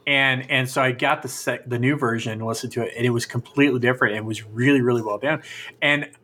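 A man's voice: mid-range voice, fast talker, a little hiss or hum. A man hosting a podcast in casual chat, telling stories with frequent restarts. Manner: animated storyteller, frequent restarts. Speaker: podcast host.

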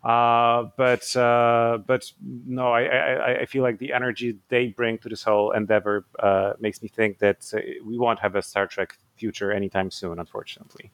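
A man's voice: mid-range voice, flat delivery, normal speed, few pauses, a bit bright, clear, resonant tone, no room sound. A man, an author giving thoughtful interview answers, hesitant with many fillers and restarts. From Poland. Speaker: author guest.

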